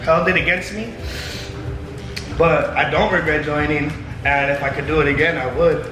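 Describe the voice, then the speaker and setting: A man's voice: a little high, steady tone, normal speed, noisy background. A young man bantering crudely with friends as he hosts a casual Q&A, swearing freely. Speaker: vlog host taking part in a Q&A. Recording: echoey room with loud music underneath. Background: music.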